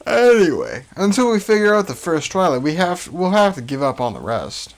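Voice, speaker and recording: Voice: mid-range voice, huge pitch swings, moderate pace. A reader of ambiguous-sounding gender giving a dramatic reading of story narration and inner thoughts. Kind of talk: dramatic reading of a visual novel. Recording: music behind.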